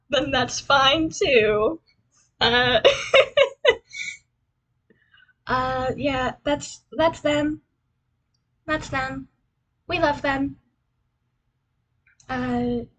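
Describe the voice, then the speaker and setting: Young woman vtuber, cute anime streamer vibe, high husky voice, rambly casual stream talk, kinda self-deprecating. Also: a bit bright, rough recording. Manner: rambling, repeats phrases. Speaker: VTuber streamer introducing themselves. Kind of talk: casual livestream chat over a slideshow.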